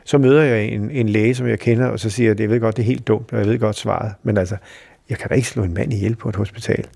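A middle-aged Danish man telling a personal story in a halting, reflective way, with many fillers. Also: lowish voice, steady tone, vocal fry, a little mellow, dry recording. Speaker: interviewee recalling a friend.

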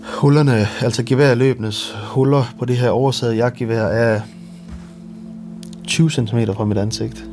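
A Danish man giving documentary testimony in a measured, detailed way. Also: mid-range voice, fairly even intonation, darkish tone, soft background music. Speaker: interviewee recounting family events.

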